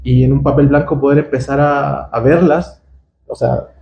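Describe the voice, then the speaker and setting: A man's voice: medium pitch, fairly even intonation, moderate pace, vocal fry, reverberant, muffled recording, slight background noise. A man from Chile, a guest illustrator, talking reflectively and hesitantly in a casual interview in a booth at a festival. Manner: reflective, hesitant, searching for words.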